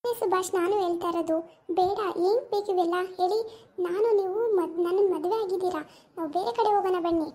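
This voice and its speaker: A woman's voice: extremely high pitch, fairly even intonation, fairly quick. A woman playing a jealous, hot-tempered young wife in an amateur village drama, who hurls scornful insults. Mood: accusing. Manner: scornful, accusing, shouting insults.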